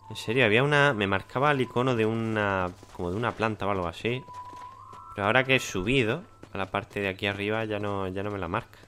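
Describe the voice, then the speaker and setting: A man with a Spanish accent from Spain gives laid-back gameplay commentary. His voice is low-pitched but bright. There is a faint hiss behind him. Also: steady tone, quick pace. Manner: chatty, laid-back, thinks aloud.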